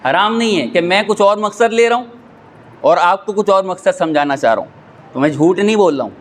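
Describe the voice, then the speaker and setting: High-voiced man preaching with fervor. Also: slight background noise. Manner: rhetorical, argumentative, rising to shouts. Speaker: cleric giving a mourning sermon. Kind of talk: impassioned religious sermon. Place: mosque prayer hall. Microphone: stand microphone.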